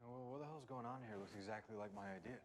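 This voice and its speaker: An actor playing an indignant young American businessman who speaks quickly. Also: medium pitch, lightly acted. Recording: film audio with loud noise.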